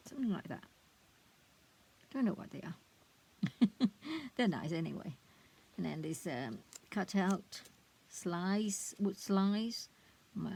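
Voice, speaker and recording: Slow, gravelly-voiced woman showing crafts. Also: medium pitch, darkish tone, rough recording. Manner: chatty, hesitant, trails off searching for words. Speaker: craft vlogger. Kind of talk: casual show-and-tell of a handmade book.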